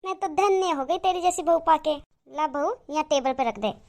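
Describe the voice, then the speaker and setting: A woman voicing a doting old village mother-in-law in a cartoon moral story, speaking slowly in a thin voice. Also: sits high, a little mellow. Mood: fond.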